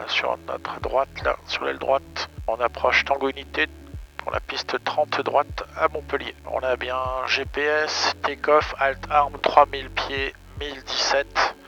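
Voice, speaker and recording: A man's voice: mid-range voice, creaky, sharp tone. A man vlogging and making radio calls as a pilot, talking over a pilot headset. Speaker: pilot and vlog host. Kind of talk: aviation vlog commentary and radio calls. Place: small aircraft cockpit. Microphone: aviation headset. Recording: dull headset audio with music behind.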